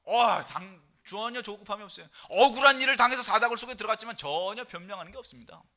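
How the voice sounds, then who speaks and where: A middle-aged male pastor preaches an animated, emphatic sermon at a quick pace. He reads scripture out loudly, rising in volume for the quotes, then drops to low, soft tones for the key points.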